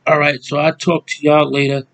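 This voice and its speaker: Angry guy ranting at his viewers, gravelly fry in his voice, cusses a lot. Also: a little high, flat delivery, moderate pace, fairly bright tone, low-quality recording. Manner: ranting, repetitive, cursing, addresses viewers as y'all. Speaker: channel host. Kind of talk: angry monologue to camera.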